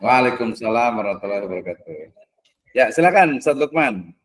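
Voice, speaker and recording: Relaxed hesitant male talk-show host. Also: mid-range voice, brisk. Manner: relaxed, hesitant, with many fillers. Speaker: host, moderator. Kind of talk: casual talk-show moderating.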